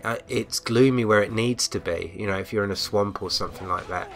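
Hesitant low-voiced man reviewing. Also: a little fast, creaky. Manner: hesitant, frequent ums and restarts. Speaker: game reviewer. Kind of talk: casual spoken game review.

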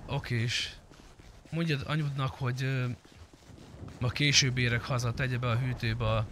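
With a mid-range voice and fairly even intonation, a man streams a roleplay game and offers casual live commentary. He chats with viewers and friends using slang and profanity, and the background is clearly noisy.

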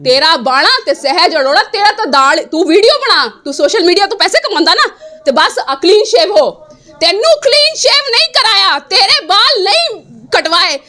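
A woman's voice: very high-pitched, sing-song, a little fast, pushed and bright. A woman, answering interview questions in an angry, defiant way and repeating her points. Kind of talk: heated interview.

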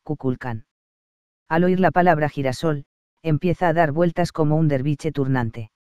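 Smooth-voiced male audiobook narrator. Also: fairly high pitch, fairly even intonation, moderate pace, darkish tone, no echo, dull audio. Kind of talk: audiobook reading of a verse play.

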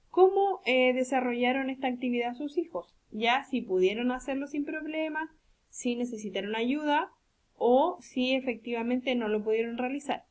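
A woman with a Chilean accent, a speech therapist giving a recorded lesson to young children, speaking patiently and slowly and often checking that they follow. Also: fairly high pitch. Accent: Chilean Spanish. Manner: patient, slow and deliberate, checks understanding with tag questions. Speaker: speech therapist teaching a virtual class. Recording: dull lo-fi recording.

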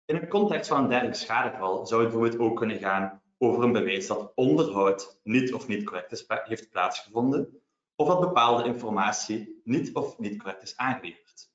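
Belgian man explaining law, roomy webinar sound. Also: medium pitch. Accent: Belgian Dutch. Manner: measured, explanatory, with examples. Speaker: lawyer presenting. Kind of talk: formal legal lecture. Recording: roomy, dull webinar audio.

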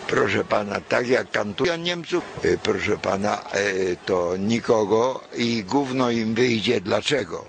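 A man's voice: on the low side, lively intonation, unhurried, vocal fry, few pauses. An old man in his seventies with a Polish accent, giving a coarse, repetitive, cantankerous rant in a street interview. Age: 70s. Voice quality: old man's voice. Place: outdoors on a busy city street. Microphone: handheld interview microphone. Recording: noisy outdoor street recording.

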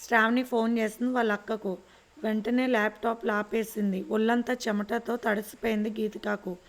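Woman reading a story in a high, flat voice. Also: moderate pace. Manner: steady, even reading.

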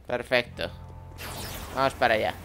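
A man's voice: mid-range voice, moderate pace, background noise. A man commenting on his gameplay playfully, voicing little sound effects as he plays. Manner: playful, makes sound effects while playing. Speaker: let's play host. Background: game music.

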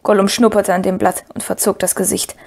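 A woman reads a fantasy novel aloud as a storyteller. Her voice sits at a middling pitch and the narration moves steadily through the story. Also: little pitch movement, fairly quick, gravelly, a little mellow, breathy edge. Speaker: audiobook reader. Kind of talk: scripted narration.

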